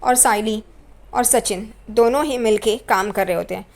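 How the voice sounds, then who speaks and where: A woman's voice: a little high, normal speed. Chatty woman retelling a TV serial. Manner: chatty storytelling, acts out the characters' lines. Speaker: TV serial recap narrator. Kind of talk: casual retelling of a TV serial episode.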